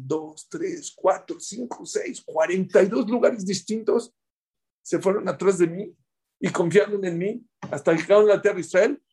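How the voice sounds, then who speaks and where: Animated rabbi teaching a class. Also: male voice. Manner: animated, swings pitch and volume for emphasis; speaks directly to listeners, acts out quoted voices. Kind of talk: Torah class sermon.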